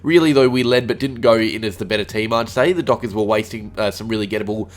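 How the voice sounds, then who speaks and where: A man's voice: on the low side, quick pace. An Australian man with a slight cold, hosting his fan channel's solo review of a football game, with frequent "uh" fillers. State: a little sick. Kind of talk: solo sports review vlog.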